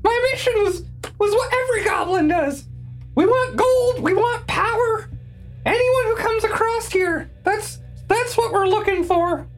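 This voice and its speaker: A woman voicing a small, greedy, whiny goblin in a tabletop game, with a shrill, squealing, cackling delivery. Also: a little slow, faint music behind. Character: small wounded goblin, defiant then pleading, greedy. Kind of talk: tabletop role-play.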